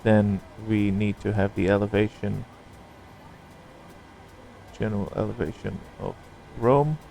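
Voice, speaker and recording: A man's voice: on the low side, fairly even intonation, unhurried, gravelly, warm tone, a little hiss or hum, low-quality recording. A man giving casual running commentary on a simulated flight, thinking aloud in short fragments.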